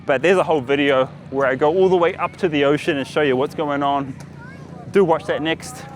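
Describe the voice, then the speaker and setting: A man's voice: on the high side, steady tone, brisk. A man giving casual travel vlog commentary as he moves around outdoors. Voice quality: speaks as a foreign visitor. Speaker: travel vlogger. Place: outdoors, busy beachfront and streets. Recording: outdoor street noise, passing vehicles.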